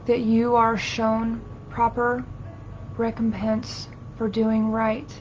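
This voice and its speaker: A woman channeling as a seance medium, giving a solemn spiritual sermon in formal, archaic, halting phrases as a collective "we". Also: completely flat delivery. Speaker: trance channeler. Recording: dull lo-fi audio with low rumbling noise.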